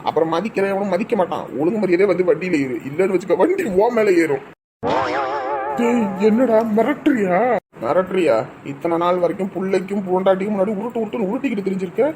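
A man's voice: high voice, expressive, fast talker, noisy background. A man playing a bossy husband who scolds and threatens in a comic sketch. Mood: blustering. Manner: blustering, scolding. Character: bossy husband threatening his brother-in-law.

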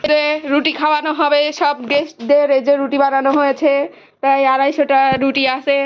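A woman's voice: sits high, monotone, brisk, highs cut off, slight background noise. A woman vlogger with a Pabna Bengali accent, chatting casually to viewers while showing picnic cooking at home. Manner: chatty, addresses viewers directly. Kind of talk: casual vlog tour in regional dialect.

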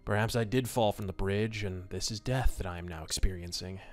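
A man voicing a broke, despairing young man who confesses in a halting way. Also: sits low, voice pushed down, close to an everyday voice.

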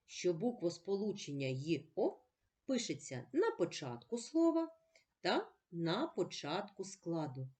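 A woman teaches a reading lesson to young children in a slow, deliberate way. Her pitch rises and falls a great deal, and her voice sits a little low. She asks patient questions and then answers them herself. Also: warm tone. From Ukraine.

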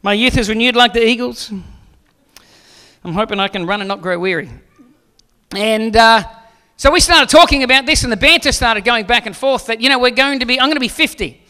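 A man's voice: very high-pitched, brisk, pushed and bright, clean tone. A man in his forties, a pastor preaching a sermon on a church stage into a handheld mic, joking with the audience and then pressing questions. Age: 40s.

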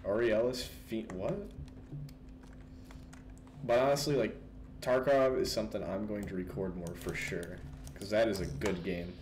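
A man's voice: lowish voice, unhurried, pauses often, darkish tone, a little hiss or hum. A young man chatting casually about a game, rambling with lots of fillers and laughing often. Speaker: gaming video host. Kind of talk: casual gaming chat.

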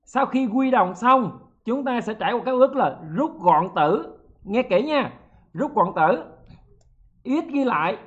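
A male math teacher leading an exam-prep lesson, lively and joking, checking in with students often. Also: extremely high pitch, measured pace, lo-fi sound.

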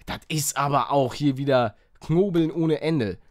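A young man doing excitable Let's Play commentary, yelping at failures and mixing in English slang. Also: on the high side, a little slow, no room sound. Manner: excitable, shouts and yelps at failures; mixes English slang into his talk. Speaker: gaming YouTuber.

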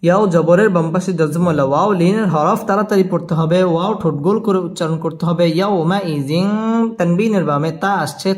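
A man teaching Quran recitation, spelling out letters and chanting verses slowly with tajweed. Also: high-pitched.

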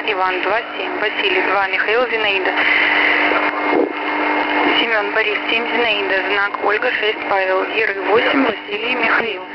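Radio operator heard over a field radio link, flat measured dictation, muffled lo-fi sound under loud static. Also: medium pitch. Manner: steady, measured spelling of call-sign words and numbers, repeated in blocks. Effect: transmitted over a field radio link. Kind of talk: radio voice procedure, dictating coded groups.

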